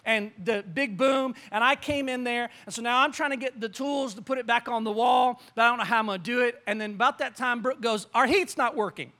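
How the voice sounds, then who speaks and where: Animated high-voiced male preacher. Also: fairly quick, hardly any pauses. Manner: animated, rambling with repeated restarts. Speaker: pastor. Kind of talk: sermon with storytelling.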